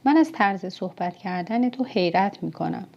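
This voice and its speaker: A calm young man who drives chariots, a foreigner, speaking evenly as a woman narrator reads him. His lines in this audiobook come in a mellow, dark-toned voice with a muffled, lo-fi sound. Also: mid-range voice, gravelly. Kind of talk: audiobook dialogue reading. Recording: dull, muffled audiobook recording.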